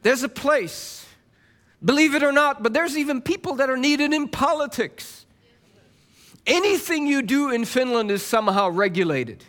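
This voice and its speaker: A man's voice: very high voice, animated, normal speed, fairly bright tone. A male pastor preaching a sermon with fervent, emphatic delivery.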